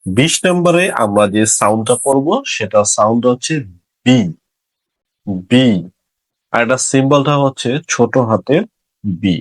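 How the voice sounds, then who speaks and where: A man with a Bengali accent teaching English pronunciation, saying each example word slowly and repeating it. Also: mid-range voice. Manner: slow, drawn-out repetition of each word. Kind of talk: pronunciation lesson.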